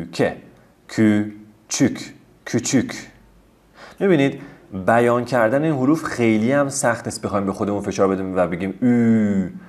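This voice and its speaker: A man giving a recorded language lesson over slides, patiently spelling out letters and sounding out words slowly. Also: on the low side, a little mellow. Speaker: language teacher.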